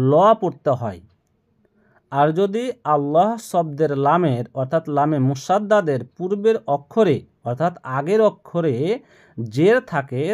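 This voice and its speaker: A man with a slightly high voice teaches Quran pronunciation. He explains each rule with patience and goes over every point more than once. His delivery is clear and measured, made for learners to repeat after him. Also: darkish tone. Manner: slow, drawn-out melodic recitation of verses.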